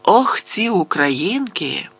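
Man doing a teasing woman warden, lively pitch, audiobook. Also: slow, gravelly, slightly rough, heavily acted. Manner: teasing, mock-surprised. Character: teasing female prison warden.

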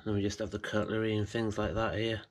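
A British urban exploration vlogger moves through the rooms of an abandoned house, giving viewers casual commentary while filming on a handheld action camera mounted on a gimbal. His fairly low voice is flat and fast, with background noise present.

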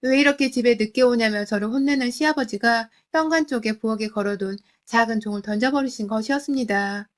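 A woman's voice: fairly high pitch, fairly quick, few pauses. Woman narrating a dramatic true-life story. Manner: emotional, confiding first-person telling.

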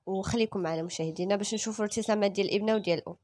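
A woman's voice: mid-range voice, racing, darkish tone. A young woman with a Moroccan accent reporting and interviewing for viewers on a handheld microphone. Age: young adult. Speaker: field reporter.

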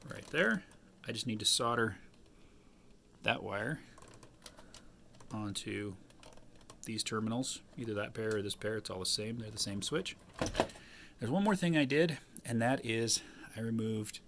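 Using a handheld camera indoors, a man records a relaxed, unscripted DIY tutorial at a wooden table, explaining a modification he made himself. His voice is on the low side and a little bright. There's a slight hiss or hum in the audio.

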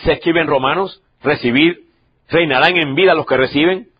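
A man in his sixties preaching a sermon as pastor, swinging from loud, emotional preaching to soft, quiet stretches. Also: on the high side, moderate pace, husky, lo-fi sound.

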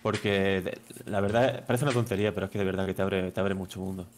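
Chatty streamer man, lowish voice. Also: fairly even intonation, fast talker, a little hiss or hum. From Spain. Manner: chatty, tags many sentences with a questioning aside. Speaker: streamer host. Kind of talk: casual stream chat.

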